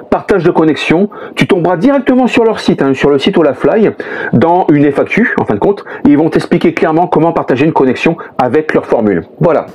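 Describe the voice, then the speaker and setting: His husky voice sits on the high side and is a little mellow. He's a middle-aged French vlogger and motorhome-travelling father, explaining step by step in relaxed talk full of "hein" and "euh."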